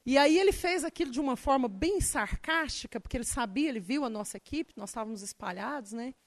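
High-voiced woman preacher. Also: fast, dry recording. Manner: animated storytelling, voice rising when excited. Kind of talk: sermon with personal story.

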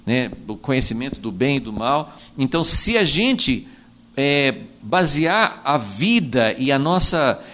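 Animated Brazilian man teaching the Bible. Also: mid-range voice, measured pace, slight background noise. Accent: Brazilian Portuguese. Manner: animated, acts out quotes, frequent "né" fillers.

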